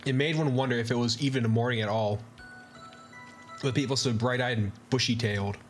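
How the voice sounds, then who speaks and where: An easygoing man reads a visual novel's narration aloud and chats between scenes. His voice sits at a middling pitch, with faint music running under it. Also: fairly even intonation, brisk. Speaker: streamer. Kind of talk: casual gameplay commentary and narration reading.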